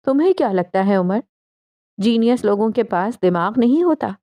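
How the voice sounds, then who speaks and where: A woman voicing a scheming mother who calmly advises her son. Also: a little high, dull audio, close to an everyday voice. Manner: calm and knowing. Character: scheming mother giving sly advice.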